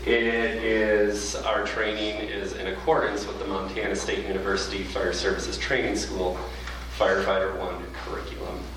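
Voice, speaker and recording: Lowish-voiced man leading a public swearing-in. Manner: reads the oath line by line for others to repeat; halting, with frequent ums and restarts. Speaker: fire district training officer. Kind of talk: formal ceremony address at a public board meeting. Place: large meeting room. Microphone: distant from the microphone. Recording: echoey room recorded from far off, with noise.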